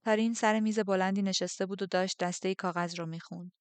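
A woman narrating a story in the first person, steady and subdued. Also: medium pitch, no room sound. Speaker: audiobook narrator.

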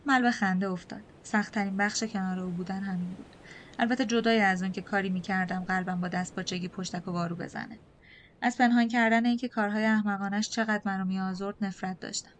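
A woman narrating a novel in the first person, with a calm and measured reading style. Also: medium pitch, a little hiss or hum. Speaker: audiobook narrator.

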